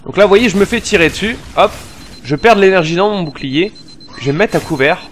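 A man's voice: sits high, quick pace, slight background noise. Chatty man narrating his gameplay. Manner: chatty and excitable, with slang and swearing; many fillers while explaining. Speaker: gameplay video host. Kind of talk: casual gameplay commentary.

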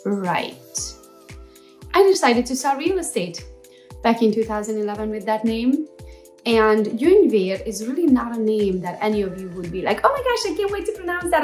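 A woman in her forties from Transylvania, telling her life story in a chatty, playful vlog and talking straight to her viewers. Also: on the high side. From Transylvania, Romania. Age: 40s. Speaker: entrepreneur vlogger. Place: home office with window, then old school building.

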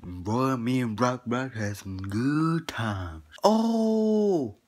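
Skit casting: a boastful old grandpa played by a man, folksy slangy drawl, chuckling, middle pitch. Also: sing-song, extremely slow, a little mellow, full character voice. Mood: teasing. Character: boastful old grandpa telling tall tales. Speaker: comedy skit performer. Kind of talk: comedic character monologue.

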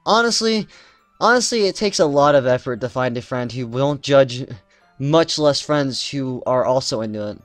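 A man's voice: mid-range voice, expressive, moderate pace, dry recording, faint music behind, natural voice. Natsuki, a man doing a snappy defensive teen girl. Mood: annoyed. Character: prickly teenage girl, embarrassed, defensive.

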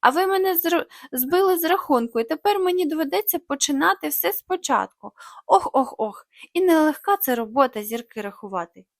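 A woman's voice: sits high, lively intonation, brisk, no room sound, studio quality, voice pushed up. A woman voicing a naive little boy dragon, childish and plaintive.

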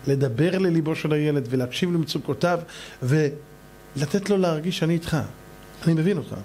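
A man, a rabbi, giving an animated sermon and acting out the voices of people in his stories. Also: fairly high pitch, slight background noise.

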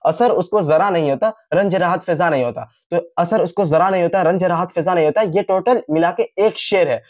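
A man's voice: high voice, a little mellow, no room sound, studio quality. A man giving a casual exam-revision lesson, repeating each point and talking straight to his students. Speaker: teacher.

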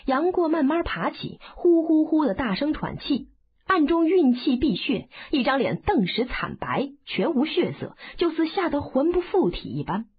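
Lively high-voiced woman narrating a story. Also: moderate pace. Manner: expressive, dramatic. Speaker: audiobook narrator. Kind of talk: storytelling narration of a martial arts novel. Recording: phone-like narrow band.

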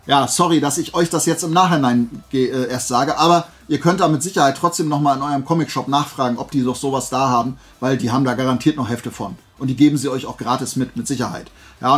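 A man hosts a flea market haul video, chatting casually to viewers, often drifting off track and correcting himself. His voice is medium-pitched and a bit bright.

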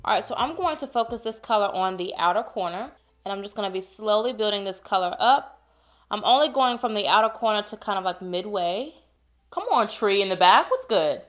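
With lively intonation and a slightly quick pace, a woman chats playfully through a casual makeup tutorial over soft background music. She's a beauty vlogger filming indoors at home, medium in pitch, a bit congested, and fond of calling viewers y'all.

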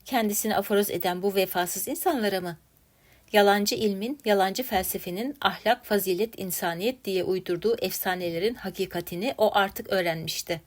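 A woman narrating a classic literary story in a measured, dramatic reading style. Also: mid-range voice. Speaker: story reader.

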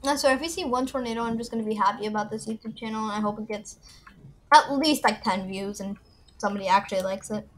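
A young woman chatting casually with a friend while playing an online game, excitable and fond of saying "bro". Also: mid-range voice, fast. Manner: excitable, says "bro" a lot. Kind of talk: casual gameplay chat with a friend. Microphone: gaming headset mic.

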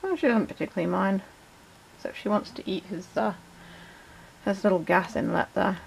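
A woman's voice: mid-range voice, normal speed, vocal fry, slight background noise, poor audio. A woman, hosting a casual video and fondly chatting to her pet. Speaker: video host. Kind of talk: casual chat to camera.

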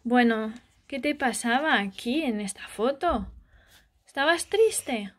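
A woman, a vlogger and mother, chatting softly and dotingly with a child and her viewers. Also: fairly high pitch, lively intonation, slow pace. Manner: doting and soft, speaking as to a small child. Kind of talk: casual chat with a child and viewers.

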